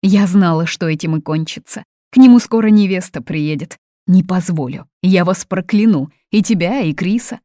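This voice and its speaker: A woman putting on a shrill, domineering old mother. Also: lively intonation, moderate pace, darkish tone, no echo, studio quality, close to an everyday voice. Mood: shrieking. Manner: shrill, indignant.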